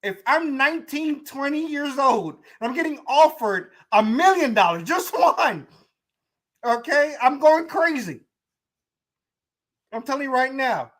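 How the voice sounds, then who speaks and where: A high-voiced young man hosting a sports talk show. He talks to his listeners in a loose, animated way and often repeats and restarts his points. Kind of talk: casual sports commentary.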